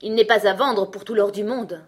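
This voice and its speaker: A woman's voice: medium pitch, steady tone, moderate pace, natural voice. A woman voicing a kind, wary peasant father who speaks plainly and firmly, in a storybook reading.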